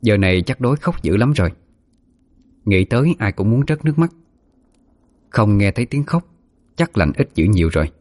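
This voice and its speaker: A man's voice: lowish voice, sing-song, normal speed, pauses often, darkish tone, dry recording. A man narrating a ghost story vividly.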